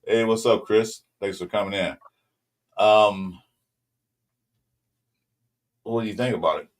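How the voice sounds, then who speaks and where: A man with a Southern California accent hosting a casual sports podcast, rambling loosely with lots of ums and shout-outs to viewers. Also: on the low side, slow. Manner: loose, rambling delivery with many ums, greets viewers mid-talk. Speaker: podcast host.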